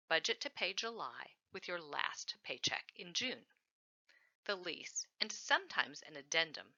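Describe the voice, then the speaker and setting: Woman trainer, bright tense tone, lively pitch, instructive scripted read, dull lo-fi audio. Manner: clear, instructive, emphatic on key words. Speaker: housing program trainer.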